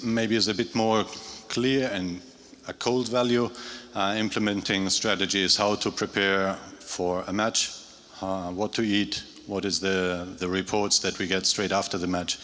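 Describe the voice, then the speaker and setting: A man presents a summary in a deep voice with a bright, firm edge. He moves haltingly, breaking his phrases with pauses as he reports to a conference. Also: level tone, slight background noise.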